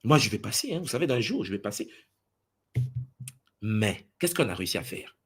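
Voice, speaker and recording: Brief: husky male spiritual teacher, lively swooping delivery, mimics others' voices in asides. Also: normal speed, soft background music. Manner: swings from booming exclamations to low intimate asides. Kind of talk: impassioned spiritual address to followers.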